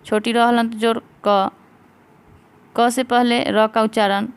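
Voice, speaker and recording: A woman teacher works through exam answers at a deliberate, unhurried pace, spelling out each word letter by letter. Her voice sits a little high and sounds smooth and clear. She records as a close voice-over. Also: little pitch movement. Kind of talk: slow step-by-step exam answer lesson.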